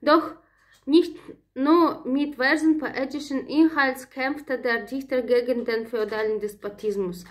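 A woman's voice: sits high, fairly even intonation, unhurried. A woman reading a prepared lecture aloud from notes, with frequent hesitations and small self-corrections. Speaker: presenter of a literature talk.

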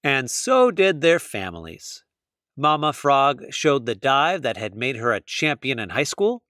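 Man reading a children's storybook slowly. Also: mid-range voice, no room sound, clean studio sound. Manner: slow, expressive storytelling. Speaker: storybook reader. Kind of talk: children's read-aloud narration.

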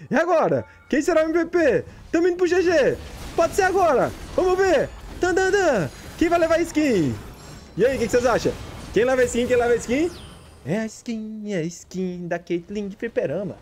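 A man from Brazil, a gaming streamer giving excited, jokey commentary as he plays, repeating his callouts and shouting at big plays. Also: very high voice, slight background noise.

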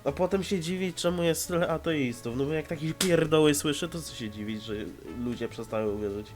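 A man's voice: on the high side, brisk, over music. A man with a slightly stuffed-up, nasal voice giving casual, blunt and sarcastic reaction commentary. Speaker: host of a reaction video.

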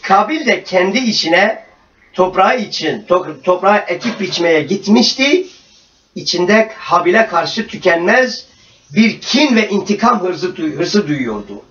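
A man's voice: high-pitched, sing-song, unhurried, fairly bright tone. A man telling a religious story to children and drawing its moral, dramatic and acting out the cries in the tale. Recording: roomy, distant, dull lo-fi recording.

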